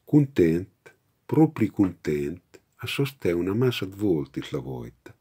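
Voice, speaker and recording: A man in his sixties with a Romagnol accent and a gravelly, husky voice, reciting poetry in Italian dialect. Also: sits low, big pitch swings, slow, warm tone. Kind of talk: poetry reading. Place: book-lined study, indoors.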